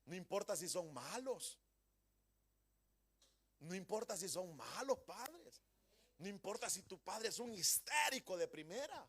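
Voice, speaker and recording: Male pastor, high voice, emphatic sermon delivery, rhetorical questions, folksy jokes. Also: sing-song, measured pace, pauses often, fairly bright tone, breathy edge. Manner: folksy humor. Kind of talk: Pentecostal sermon. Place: church.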